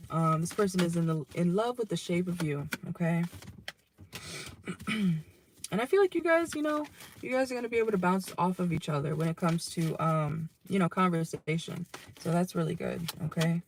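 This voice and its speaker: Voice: mid-range voice, normal speed, slight background noise. Chatty tarot reader in a parked car. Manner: chatty, tags lines with "okay?", swears casually. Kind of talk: casual tarot reading for all signs.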